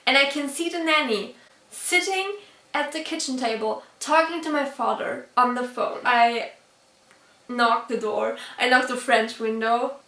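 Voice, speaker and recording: A woman telling a childhood story to camera in a chatty, laughing way, pausing to check her own pronunciation. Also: high-pitched, sharp tone. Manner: chatty, laughs often between sentences. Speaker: vlogger. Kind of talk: storytime vlog. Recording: roomy echo from a distance.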